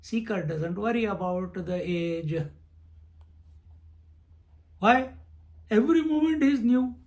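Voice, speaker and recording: A man's voice: sits high, lively intonation, slow pace, darkish tone. A man giving a spiritual discourse on scripture, repeating phrases and chanting verses. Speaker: swami teaching scripture.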